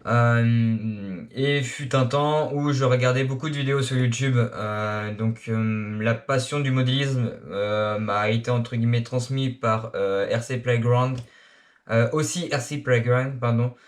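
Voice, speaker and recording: Young male RC YouTuber from France, late teens, halting casual delivery, average pitch. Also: steady tone. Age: young adult. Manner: hesitant, many filler sounds. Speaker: RC hobby YouTuber. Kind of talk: casual self-introduction. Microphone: action camera.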